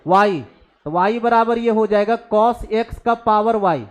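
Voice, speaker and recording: A man's voice: high-pitched, takes it slowly. A male maths teacher, scolding his class bluntly and then working through a calculus problem on the board. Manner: scolding, blunt, mixes English maths terms. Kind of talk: classroom lecture, scolding students.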